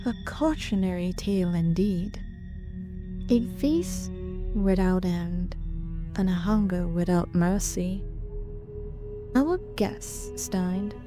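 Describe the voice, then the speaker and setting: A woman hosting a horror story show, delivering a theatrical monologue with sinister teasing and deliberate dramatic pauses. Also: medium pitch. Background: music.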